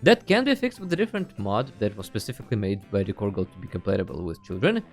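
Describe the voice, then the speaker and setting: Speaking fast in a low-ish, very animated voice, a man hosts a video game tutorial channel and talks viewers through each step with playful, dry jokes. It's casual screen narration over faint background music.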